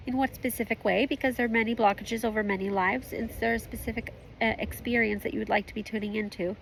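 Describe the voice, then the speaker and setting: Woman channeling a calm spirit guide, seance medium delivery, creaky voice, stilted formal phrasing, instructive. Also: fairly high pitch, fast, slight background noise, rough recording. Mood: assured, guiding. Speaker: trance channeler at a group session. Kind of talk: trance channeling, spiritual guidance.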